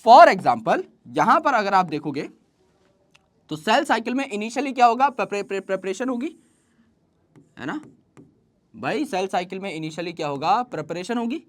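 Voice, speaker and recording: Man teaching biology, dictating slowly. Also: high-pitched, expressive, fairly bright tone. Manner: asks rhetorical questions and answers them himself; mixes English terms into Hindi explanation. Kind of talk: online biology lesson.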